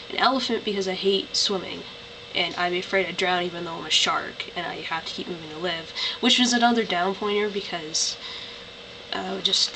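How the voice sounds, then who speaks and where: A tired young Canadian woman vlogs from her bedroom, her voice sitting on the low side and lower than usual from fatigue. She's chatty and rambling, filling a casual accent-tag video with lots of "like" and "um," captured on a noisy home webcam.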